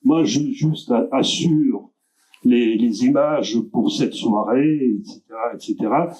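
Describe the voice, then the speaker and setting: A man hosting a literary evening, introducing the speakers in a halting way, with many filler sounds and restarts. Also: mid-range voice, warm tone. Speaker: event host introducing speakers. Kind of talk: hesitant spoken introduction. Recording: dull lo-fi room recording.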